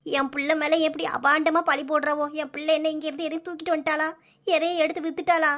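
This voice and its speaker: A woman's voice: high voice, little pitch movement, quick pace, a bit bright. A woman voicing a firm cartoon mother with a Kanyakumari accent. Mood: indignant. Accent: Kanyakumari Tamil. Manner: firm, placating. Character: protective middle-aged mother of the bride.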